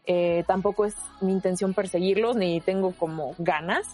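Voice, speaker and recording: A woman teacher with a Mexican Spanish accent, talking casually and loudly about teaching online. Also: on the low side, moderate pace, faint music behind. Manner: loud, animated speaker who gestures a lot. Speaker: university teacher.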